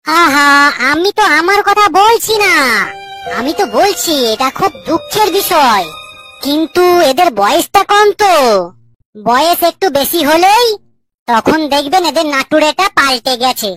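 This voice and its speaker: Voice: high-pitched, lively intonation, a little slow, a bit bright, faint music behind. A voice actor playing a flustered woman English teacher in a cartoon, scolding her class. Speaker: schoolteacher.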